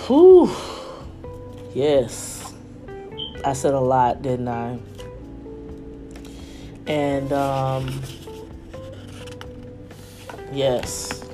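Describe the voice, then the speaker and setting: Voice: mid-range voice, little pitch movement, very slow, long pauses, over music. A podcast host reading their own essay aloud as a candid, emphatic personal monologue, breaking off for off-the-cuff asides.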